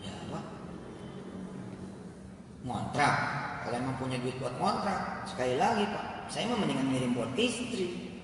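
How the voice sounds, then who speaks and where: A preacher acting out a humble young caretaker, soft and quiet. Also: male voice, medium pitch, expressive, unhurried, long pauses, noisy background, voice pushed down, lightly acted. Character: humble young man working as a mosque caretaker. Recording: echoey hall heard from far off.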